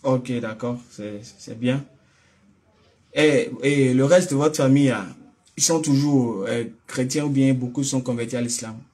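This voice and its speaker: A man with a West African French accent hosts a casual religious phone call in a medium-pitched voice. He's a little hesitant and often repeats a phrase before moving on. His delivery is unhurried and a little mellow.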